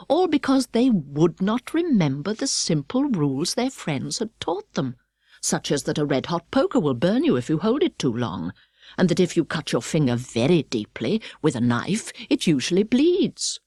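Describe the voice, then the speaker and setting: A British woman narrates an audiobook as a precise, expressive storyteller, her intonation highly varied. Her voice is husky, and the studio recording is dry with no room sound.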